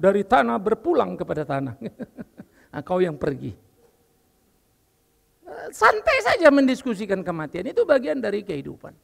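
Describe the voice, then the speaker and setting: An older man preaching a lively, joking sermon as a pastor while unwell. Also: high-pitched, creaky, long reverb tail. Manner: lively and joking, mixing in English phrases. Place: church.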